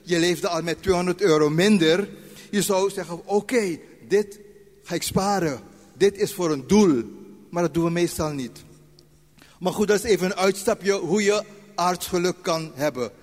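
A retired man in his sixties preaching a sermon, dropping to quiet asides and slowing down when he reads scripture. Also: high voice, big-room sound. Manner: varies loudness widely, slows for scripture.

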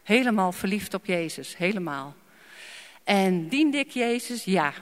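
A woman preaches a sermon and shares her own testimony, emphatic and repeating phrases while asking the audience to respond. Her mid-range voice is unhurried with lively intonation, and the recording carries a long hall reverb.

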